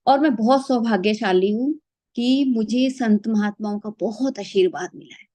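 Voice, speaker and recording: A woman's voice: on the high side, normal speed. A woman sharing a heartfelt spiritual experience, acting out the dialogue as she goes. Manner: animated storytelling, acts out dialogue. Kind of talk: emotional personal testimony.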